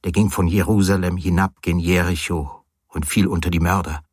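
A man reading a first-person novel aloud, with wry, hesitant storytelling and quietly voiced dialogue. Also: low-pitched, steady tone, moderate pace, no echo, studio quality. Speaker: audiobook reader. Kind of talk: literary audiobook narration.

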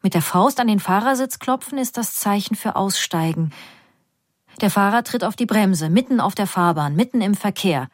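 A woman reads a literary novel in the first person, steady and measured. Her voice sits at an ordinary middle pitch. The recording is close and dry, with no room echo. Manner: reads character quotes with slightly raised pitch. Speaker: audiobook narrator.

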